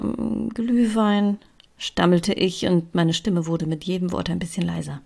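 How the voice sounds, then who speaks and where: Low-voiced woman reading a story aloud. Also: gravelly, breathy edge. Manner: expressive, voicing characters. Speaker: audiobook reader. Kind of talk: audiobook reading of a romance story.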